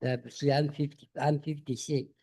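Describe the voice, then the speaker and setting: A man in his late fifties speaks up from the audience, pressing his point and circling back to it again and again. His voice sits fairly high for a man, with a dark, mellow tone. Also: little pitch movement, moderate pace. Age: 50s. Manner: insistent, emphatic, repeats himself. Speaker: audience member asking a question. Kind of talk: public Q&A question.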